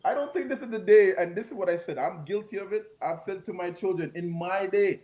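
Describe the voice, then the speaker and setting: Talk show host guy, chatty, pretty high voice for a man, loose casual questions. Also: fast, dark tone, low-quality recording. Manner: chatty, laughs along, asks questions. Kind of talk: casual panel chat.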